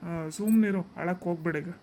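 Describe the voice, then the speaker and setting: A man's voice: high-pitched, fast, mellow, a little hiss or hum, close to an everyday voice. A man voicing a grown son in a cartoon story, firm and dismissive toward his mother. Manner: firm, dismissive, growing angry. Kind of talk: cartoon dubbing.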